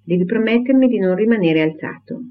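A man voicing a gentle young woman who reassures her anxious father. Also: high-pitched, lively intonation, fairly quick, pitched above the performer's own voice. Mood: reassuring. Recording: tinny phone-like audio.

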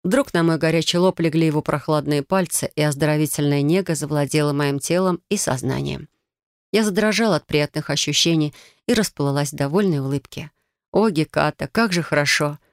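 A woman narrating a first-person fantasy story in an even, expressive reading. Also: low voice, brisk, no room sound, studio quality. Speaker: audiobook narrator.

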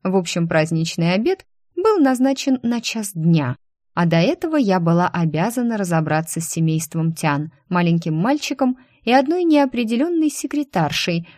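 A woman reads a first-person audiobook with lively expression. Her voice sits a little low. The recording is close and dry, with no room echo. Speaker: audiobook narrator.

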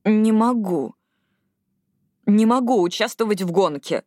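A woman's voice: mid-range voice, a little slow, darkish tone, no echo, natural voice. Woman narrator voicing a withdrawn young woman, hollow, subdued, anxious, storybook reading, dry sound.

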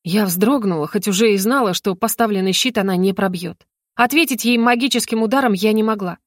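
A woman reads a fantasy novel aloud in the first person, with lively, expressive phrasing. Her voice sits mid-range. The sound is dry and close, with no room around it. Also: mid-range voice, a little fast, dry recording. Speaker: narrator. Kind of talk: audiobook narration.

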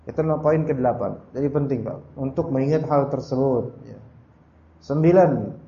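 A man's voice: medium pitch, normal speed, warm tone. A male Islamic teacher gives a conversational religious study lecture. He quotes Arabic verses, explains them, tags his sentences with "ya" and keeps addressing his listeners as "Pak". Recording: echoey room, dull lo-fi sound.

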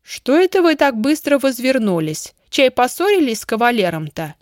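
A nosy old countrywoman fusses and scolds in plain village speech, her voice pitched up and pushed louder, as a woman reader puts her on. She grumbles at everything new. The recording is dry and close. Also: very animated, normal speed, no echo. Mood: teasing, scolding. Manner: rustic colloquial speech, fussing and scolding.

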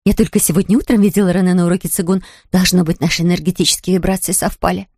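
A woman reading an audiobook, voicing a breathless, gushing socialite woman who coos in a high voice. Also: steady tone, rapid-fire, darkish tone, breathy edge, dry recording, studio quality. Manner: high cooing gush.

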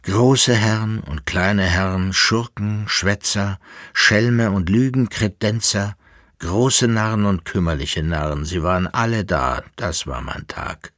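A man's voice: on the low side, takes it slowly, fairly bright tone, no echo, clean studio sound. A man voicing a grave, lovesick emperor in a literary audiobook, with earnest, tender declamation. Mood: weary. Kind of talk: audiobook reading.

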